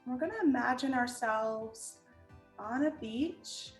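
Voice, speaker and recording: Calm and soft-spoken, this meditation guide and art teacher leads listeners through a guided session in her fairly high-pitched voice. Her instructions come unhurried, with long silences between them, over background music in an echoey room.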